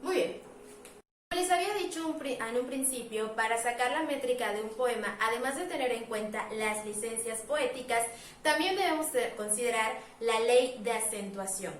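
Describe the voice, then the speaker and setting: A woman teaching, patiently explaining at a board, saying example words slowly and repeating them. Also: on the high side, a little hiss or hum. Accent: Mexican Spanish. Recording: echoey room, voice from a distance.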